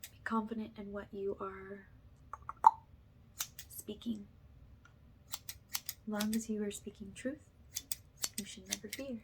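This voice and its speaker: The recording is very noisy, but a woman's medium-pitched voice comes through soft, breathy and fairly even, often sinking to a whisper. She leads a guided ASMR energy-healing session slowly and gently, offering reassurance and affirmation.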